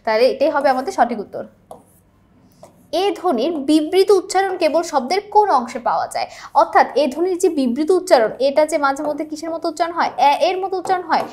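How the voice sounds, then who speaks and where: A woman's voice: sits high, expressive, quick pace, darkish tone. A young woman teacher going through multiple-choice exam questions, often asking the listener rhetorical questions to check they follow. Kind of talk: exam-prep lesson explaining answers.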